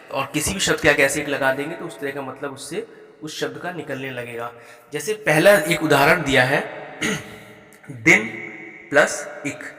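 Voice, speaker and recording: Male schoolteacher walking pupils through an exercise, patient, spells words slowly, bright voice, roomy echo. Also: fairly high pitch. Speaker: Hindi teacher. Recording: echoey room with long reverb.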